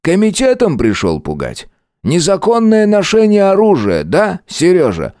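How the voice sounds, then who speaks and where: Man voicing teasing old professor, high lively voice, dry sound. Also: unhurried, no room sound, exaggerated voice. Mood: mocking. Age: older. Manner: mocking and teasing. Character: old professor, mocking ex-officer.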